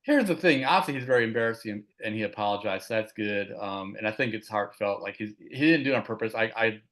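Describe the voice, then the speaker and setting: Low-voiced man hosting sports chat. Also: quick pace, a bit bright. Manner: easygoing, steers the topics. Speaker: host. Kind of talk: casual sports talk.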